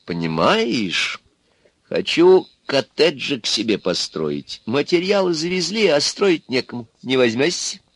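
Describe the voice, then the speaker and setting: A man voicing a scheming, cruel old witch in an audiobook, with a hoarse, coaxing voice that turns shrill. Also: very animated, unhurried, no room sound. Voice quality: hoarse laugh. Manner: coaxing, then shrill and shouting. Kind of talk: audiobook character voice.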